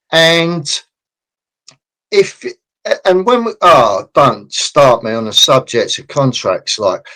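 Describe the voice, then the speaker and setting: Male guest, lively and blunt, mid pitch, slips into quick put-on voices of the people he quotes. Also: low-quality recording. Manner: animated, acts out quoted people; blunt, passionate about his trade. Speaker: construction consultant guest. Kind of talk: podcast interview.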